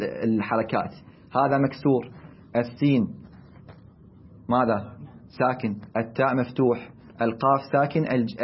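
A man's voice: mid-range voice, highs cut off, slight background noise. Iraqi man lecturing in a classroom. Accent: Iraqi Arabic. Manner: deliberate, asks and answers own questions. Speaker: teacher.

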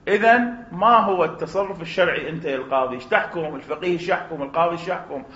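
A man with an Iraqi accent teaching a jurisprudence class, animated, firing off rhetorical questions and acting out short exchanges. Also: fairly high pitch. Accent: Iraqi Arabic. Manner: animated, fast, poses rhetorical questions and acts out dialogues. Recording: roomy, dull recording.

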